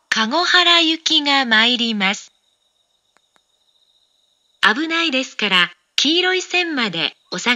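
Bright, high-pitched female station announcer. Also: dry recording. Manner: formal, measured, carefully enunciated. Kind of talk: scripted automated station announcement.

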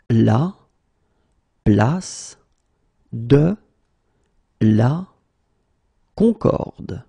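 French teacher guy drilling phrases super slow, husky and gravelly, word by word. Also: medium pitch, warm tone, dry recording. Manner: repeats each phrase, then word by word.

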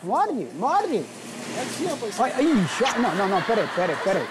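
A man's voice: high voice, sing-song, moderate pace, very noisy. A man with a Brazilian accent pulling hidden-camera pranks in a supermarket, playful and teasing, yelping when people chase him. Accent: Brazilian Portuguese.

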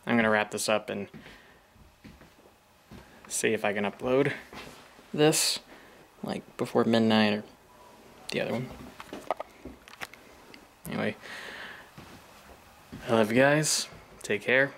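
A man's voice: fairly low pitch, slow, gravelly, pauses often, fairly bright tone. A man talking in a casual vlog, rambling with many fillers and restarts, a bit out of breath. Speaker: vlogger. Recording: noisy background.

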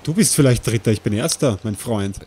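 A man, hosting a let's-play with jokey commentary and loud outbursts during a race. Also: mid-range voice, expressive, brisk, a little hiss or hum. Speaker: gaming channel host.

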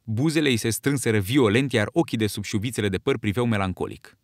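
A man reading an audiobook in a measured, steady storytelling voice. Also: on the low side, no echo, clean studio sound. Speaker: audiobook narrator. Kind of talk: scripted narration.

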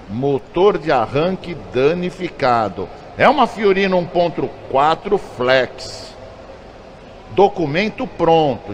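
A man working as an auctioneer, repeating bids in a rapid rhythmic chant. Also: a little high, a little hiss or hum. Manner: rapid repetitive bid calling.

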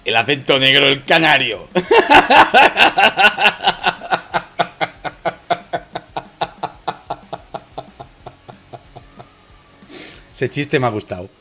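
A man's voice: medium pitch, a little fast, creaky, hardly any pauses, bright, forceful tone, soft background music. A man with a Spain Spanish accent, chatting casually on a live stream, rambling, joking and repeating himself.

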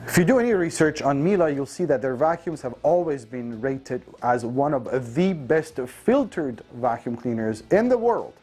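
In a dark studio showroom indoors, a man in his thirties demonstrates a vacuum cleaner, walking through its features in an upbeat sales style with occasional fillers. His medium-pitched, dark-toned voice is animated, keeping a moderate pace with few pauses.

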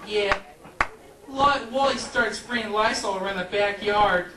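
A man's voice: high-pitched, unhurried. A man in his thirties doing stand-up comedy, rambling through stories with a handheld mic on a club stage. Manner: loose, rambling storytelling with stoner voices. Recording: far, roomy, noisy camcorder tape.

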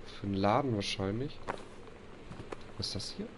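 A young let's play host with a stuffy nose chats casually over gameplay, reads on-screen text aloud, and grumbles about bugs. His voice is fairly low and moves at a moderate pace against a noisy background.

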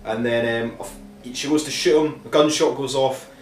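A man's voice: medium pitch, steady tone, normal speed. Brief: male host, casual sweary film reviewer, echoey room, faint hiss. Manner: sweary, rambling, jokey. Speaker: podcast host reviewing films.

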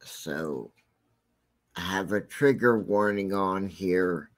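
On his true crime channel, this man speaks in a gravelly, low voice, meandering loosely and leaning on fillers. He takes his time getting through it.

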